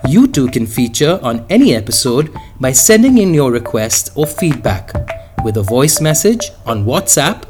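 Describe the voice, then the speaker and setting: Male host, animated scripted intro over clear music bed. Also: medium pitch, normal speed. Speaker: radio show host.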